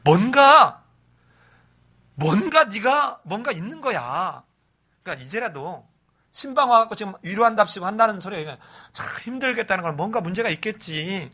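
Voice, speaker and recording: A man's voice: high-pitched, expressive, normal speed, pushed and bright, breathy edge, full character voice. A man acting out Job's friends, who accuse him of hidden sin and tell him to repent. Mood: accusing. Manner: accusing, preachy.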